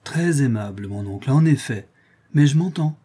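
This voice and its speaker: A man's voice: medium pitch, animated, normal speed, dark tone, slightly rough. A man reading aloud and voicing a cool, dryly ironic young woman with clipped phrasing.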